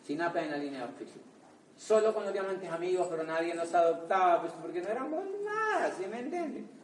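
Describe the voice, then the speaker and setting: A man with a Colombian accent, giving an animated motivational training talk as a network marketing trainer, telling stories with emphatic repetition. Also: sits high, brisk, roomy sound, distant mic, a little hiss or hum, low-quality recording. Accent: Colombian Spanish. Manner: animated, emphatic storyteller with repeated words.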